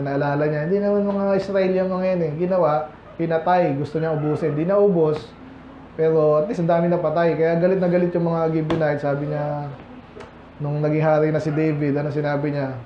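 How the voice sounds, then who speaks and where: In a church hall on a Sunday afternoon, a pastor from the Philippines delivers a chatty sermon, his voice on the high side, stopping to quiz the congregation. The recording has a slight background noise and sounds echoey and a bit dull.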